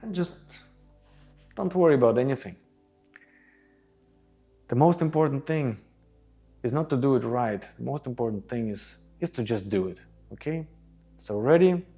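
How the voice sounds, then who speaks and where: A man's voice: mid-range voice, expressive, moderate pace, pauses often, mellow, breathy edge, faint music behind. Reassuring male breathwork instructor. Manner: reassuring, instructional, often checking with "okay?". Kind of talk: guided group breathwork instruction.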